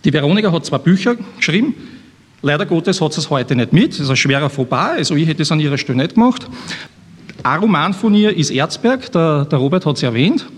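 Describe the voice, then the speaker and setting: A man's voice: a little high, expressive, a little fast. An Austrian man, an author introducing a reading at a live event, talking in a rambling, self-mocking way with many restarts. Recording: long hall reverb.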